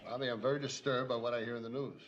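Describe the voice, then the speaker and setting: An actor playing an older man, a domineering father who scolds his son in a brisk, commanding way. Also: medium pitch, level tone, lo-fi sound, a little hiss or hum, lightly acted.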